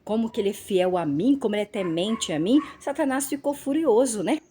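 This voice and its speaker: A Brazilian woman teaching the Bible in a casual, animated way, repeating phrases and acting out dialogue. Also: on the high side, a little fast, slight background noise. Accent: Brazilian Portuguese.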